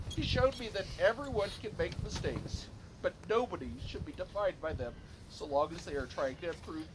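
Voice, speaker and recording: A man reading a prepared eulogy for his grandfather from notes, now and then stumbling on a word. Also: high voice. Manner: reads from notes with occasional stumbles on words. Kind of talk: prepared eulogy read aloud. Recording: clearly noisy recording.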